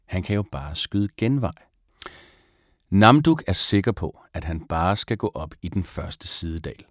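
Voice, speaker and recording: A man narrating a children's audiobook in a calm, measured way. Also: low-pitched, dry recording, studio quality. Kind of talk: audiobook reading of a children's book.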